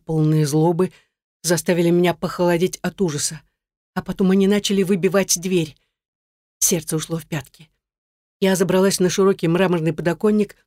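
A woman's voice: fairly low pitch, mellow, no room sound, studio quality. A woman reading a dramatic first-person story aloud. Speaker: narrator.

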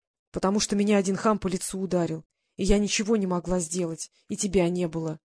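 An audiobook reader voicing a gentle young woman who speaks in a soothing, hurried way, in a dry, close recording. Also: mid-range voice, steady tone, no echo, close to an everyday voice.

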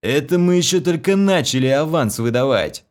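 Guy doing a big loud rowdy young bruiser, crude and boisterous, voice jumps all over. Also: on the high side, expressive, normal speed, pitched above the performer's own voice, lightly acted. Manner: shouting, boisterous.

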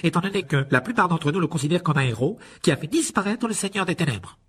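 A man's voice: fairly high pitch, expressive, quick pace, a bit bright, breathy edge, pitched above the performer's own voice. A man reading an audiobook, voicing a cold, haughty aristocratic wizard father who speaks in a clipped, condescending way.

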